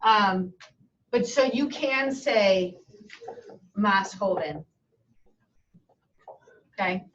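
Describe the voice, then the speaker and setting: A woman's voice: medium pitch, lively intonation, very slow, pauses often, fairly bright tone. A woman teaching a Spanish class, chatty and encouraging, switching between English and Spanish. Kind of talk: classroom lesson. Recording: muffled classroom audio from a distant camera.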